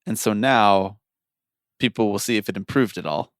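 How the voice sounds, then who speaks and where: A man's voice: lowish voice, normal speed, no room sound, studio quality. A man co-hosting a podcast in casual chat, joking, laughing often and trailing off mid-sentence. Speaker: podcast co-host.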